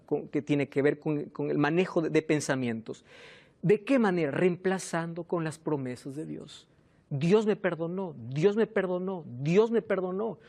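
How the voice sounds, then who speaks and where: Lively-voiced man preaching a sermon. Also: a little high. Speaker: pastor.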